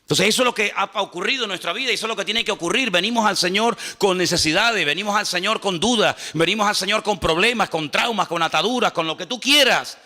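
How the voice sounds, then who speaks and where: A man preaching a sermon as a pastor, animated and humorous, acting out little dialogues. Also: sits high, fast, hardly any pauses. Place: church. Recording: church hall reverb.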